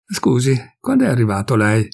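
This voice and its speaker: A man's voice: medium pitch, huge pitch swings, normal speed, vocal fry, breathy edge, exaggerated voice. A man voicing a thin, pale, sickly young man who asks shy, hesitant questions in a storybook reading. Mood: timid.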